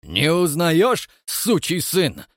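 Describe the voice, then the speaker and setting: A man's voice: medium pitch, very animated, unhurried, no room sound, clean studio sound. A man voicing a pompous, grey-bearded old man posing as a count, grandiose and menacing. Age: older.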